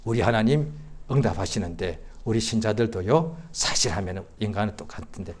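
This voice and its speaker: A male pastor preaching a sermon, swinging from quiet asides to loud impassioned cries and acting out the voices of doubters. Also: lowish voice, a little fast, slightly rough. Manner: acts out quoted voices of doubters. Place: church sanctuary.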